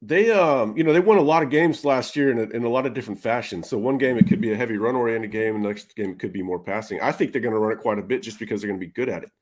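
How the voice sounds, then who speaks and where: A man giving casual football analysis, talking quickly with frequent fillers. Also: medium pitch, a little mellow. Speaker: recruiting analyst.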